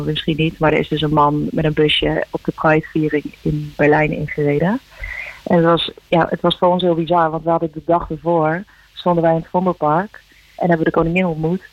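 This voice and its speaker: A woman, a musician guest, talking earnestly and reflectively in halting phrases, heard over a phone line in a radio interview. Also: low voice, little pitch movement. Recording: dull dry phone line.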